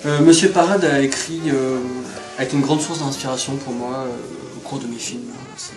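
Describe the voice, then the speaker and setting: A man playing a pompous, self-satisfied intellectual film director in a parody interview, rambling with hesitant pauses and mock modesty. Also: medium pitch, fairly even intonation, recorded from a distance, close to an everyday voice. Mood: self-important. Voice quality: hesitant, filler-laden delivery. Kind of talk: parody interview, improvised-sounding. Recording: roomy echo, music behind.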